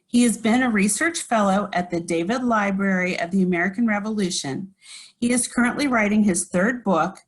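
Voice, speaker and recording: A woman formally introducing a guest speaker, reading a measured prepared text. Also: mid-range voice, slightly rough, rough recording. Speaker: society regent introducing the speaker.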